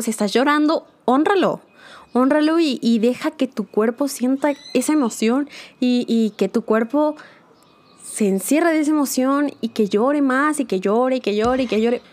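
A woman's voice: sits high, moderate pace, a little mellow. A young woman hosting a casual solo podcast. She talks in a chatty, confiding way, keeps checking in with "¿ok?" and drops in English words now and then. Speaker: podcast host.

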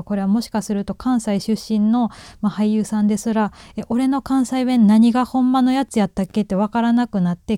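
A woman with a Kansai accent talks alone into a microphone like a little radio show. Her voice is mellow and fairly level, and she sounds shy and a bit nervous as she cracks self-deprecating jokes. The recording is close and dry. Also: medium pitch, dry recording. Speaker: solo radio host. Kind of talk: casual solo radio talk. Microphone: talking alone into a microphone.

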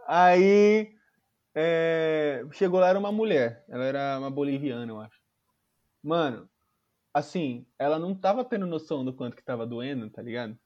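A man's voice: fairly high pitch, moderate pace, darkish tone, dull audio. A man telling a funny personal story in casual, slangy chat, swearing freely and acting out the people in it. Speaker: podcast storyteller.

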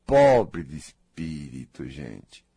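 A man speaks in a husky, slightly breathy voice that rises and falls a lot as he teases his listeners. He keeps asking rhetorical questions and mocks everyday complaints. The sound is dry and close. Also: extremely low pitch, extremely slow, no echo. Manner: animated, teasing, mocking others' complaints. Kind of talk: motivational monologue.

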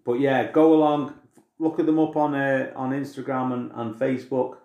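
An English man talks in easygoing, informal podcast chat, dropping the odd swear word. His voice sits at a middling pitch. The room around him gives the sound a clear echo. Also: little pitch movement, normal speed, narrow, tinny audio. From England. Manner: chatty, informal, swears casually. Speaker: podcast co-host. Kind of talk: casual chat.

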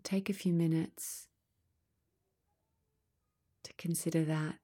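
In a soft, low-pitched near-whisper with a breathy quality, a woman conducts a guided meditation. Brief phrases alternate with long pauses, all delivered in a calm, leisurely way.

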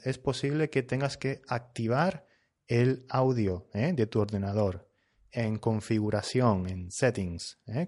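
A man teaching a group language lesson over a video call, speaking slowly and patiently, repeating and correcting his students' answers. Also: mid-range voice, darkish tone. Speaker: Spanish teacher.

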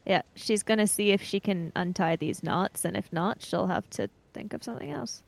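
A woman's voice: medium pitch, moderate pace, creaky. A woman describing her character's actions in a tabletop game in a matter-of-fact way. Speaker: player.

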